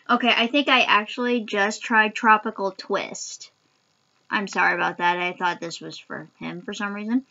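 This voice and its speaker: Her voice is medium in pitch, pushed and bright, and the sound quality is lo-fi. She's a young adult vlogger chatting to camera during a sour candy challenge, recorded indoors in a small home room on a webcam at arm's length.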